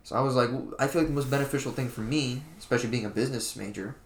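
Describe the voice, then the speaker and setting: A man's voice: mid-range voice, very fast, echoey room, a little hiss or hum. A young man from Florida co-hosting a podcast, talking in a laid-back, rambling way with lots of fillers. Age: young adult. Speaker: podcast co-host. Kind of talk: casual chat.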